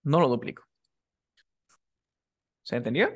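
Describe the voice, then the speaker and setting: A man's voice: medium pitch, lively intonation, a little slow, breathy edge. A man teaching a class, explaining rules patiently and often checking that his student has understood. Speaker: English teacher.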